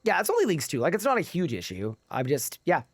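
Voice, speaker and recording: Tired, lively-voiced male streamer. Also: fairly high pitch, quick pace, dry recording. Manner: rambling, chatty, reading chat aloud. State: tired, sleep deprived. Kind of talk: casual live-stream gaming chat.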